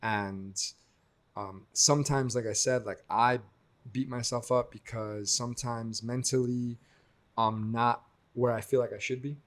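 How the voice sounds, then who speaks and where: A young man from the United States, a guest speaking reflectively in a casual interview, lively when he quotes others. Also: mid-range voice, a little slow.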